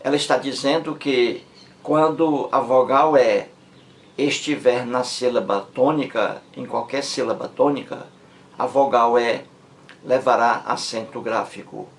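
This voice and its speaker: Slow, emphatic Brazilian grammar teacher. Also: male voice, medium pitch. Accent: Brazilian Portuguese. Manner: drawn-out, emphatic repetition of example words. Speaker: Portuguese language teacher. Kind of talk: slow, repetitive grammar lesson.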